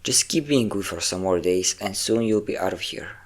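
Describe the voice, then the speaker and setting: The vampire this man voices has lived for centuries and keeps the listener captive, and in this scripted, intimate roleplay he is doting yet possessive. His low-pitched delivery is expressive and at a normal speed, full of coaxing, teasing endearments.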